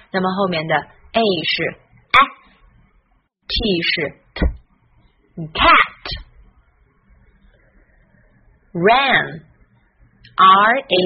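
A woman's voice: mid-range voice, dull audio, a little hiss or hum. A woman teaching English pronunciation, patiently drilling each sound and repeating words for practice. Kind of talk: pronunciation lesson.

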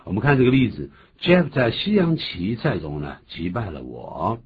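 A man's voice: fairly low pitch, big pitch swings, normal speed, husky. A man hosting a bilingual radio language lesson, explaining pronunciation in an emphatic, teacherly way. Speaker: radio English lesson host. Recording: tinny phone-like band, faint noise.

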